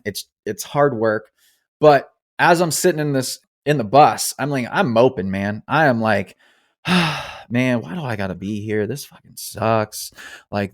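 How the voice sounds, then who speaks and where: Animated man telling a story. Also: mid-range voice. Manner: animated, swears freely, restarts words. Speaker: podcast guest. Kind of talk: casual storytelling.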